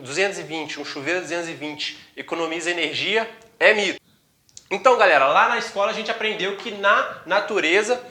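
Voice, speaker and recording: High bright Brazilian man teaching. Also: reverberant. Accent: Brazilian Portuguese. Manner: chatty, frequent fillers and restarts. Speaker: electrician explaining to viewers. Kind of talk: casual video lesson.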